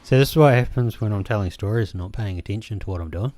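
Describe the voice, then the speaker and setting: Kiwi guy chatting over gameplay, lowish voice, dry close sound, lots of ums. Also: quick pace, darkish tone, no echo. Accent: New Zealand. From New Zealand. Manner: rambling, hesitant, many ums and restarts. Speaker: let's play host. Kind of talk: casual gameplay commentary.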